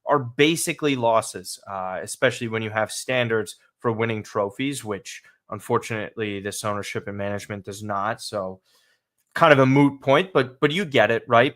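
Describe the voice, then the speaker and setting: A man's voice: lowish voice, moderate pace, fairly bright tone. A man with a slight lisp hosting a soccer podcast livestream, talking casually and emphatically to his viewers. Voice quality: slight lisp from dental aligners.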